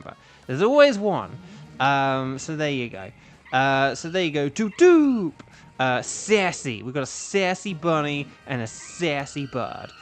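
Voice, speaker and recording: Echoey, rambling game streamer with mid-pitched voice. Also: a bit bright. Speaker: livestream host. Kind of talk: casual gaming livestream chat. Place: echoey indoor room, music behind. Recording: echoey room.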